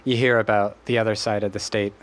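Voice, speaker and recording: A man's voice: on the low side, flat delivery, fast, slight background noise. A man from Western Massachusetts hosting a casual interview, asking curious, friendly questions. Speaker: podcast host.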